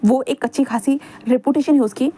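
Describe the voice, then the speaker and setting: A stern middle-aged father scolding his son, as a woman storyteller reads him in her own mellow voice. His lines come out lecturing and exasperated rather than as a distinct character voice. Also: sits high, normal speed.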